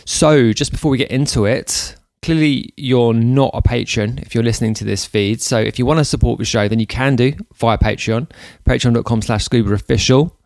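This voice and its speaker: A man hosting a podcast, talking in a relaxed, rambling way with many fillers. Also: medium pitch, normal speed, hardly any pauses, no echo, studio quality. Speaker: podcast host. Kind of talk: casual podcast chat.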